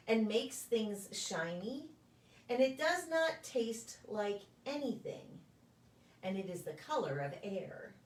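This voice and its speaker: In a sing-song storytelling style, a pastor reads a picture book to preschool children, her slightly high voice rising and falling widely as she takes it deliberately. The microphone sits a bit away from her in an echoey room.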